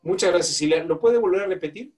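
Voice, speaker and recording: Man with mexican accent, law class instructor, fairly high voice, questions the students. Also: quick pace, darkish tone. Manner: asks the class questions and coaxes volunteers. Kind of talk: classroom lecture.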